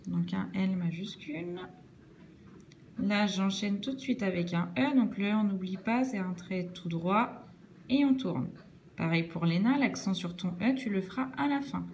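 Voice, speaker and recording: A woman teacher walks young children through cursive handwriting, one stroke at a time. Her voice is mellow and unhurried, with a patient, instructive manner. A faint hiss sits under the recording. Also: medium pitch. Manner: slow, patient step-by-step explaining.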